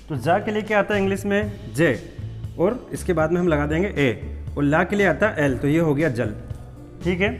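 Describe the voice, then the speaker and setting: A man's voice: sits high, long reverb tail. A man teaching a patient, step-by-step spelling lesson, repeating words and checking that students follow. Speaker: English teacher. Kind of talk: classroom-style spelling lesson.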